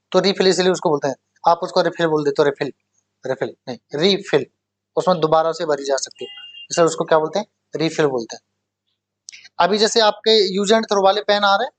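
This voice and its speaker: A man from India teaching an English grammar lesson to a class. He asks questions and answers them himself, checks "okay?" often and repeats key words slowly. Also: sits high.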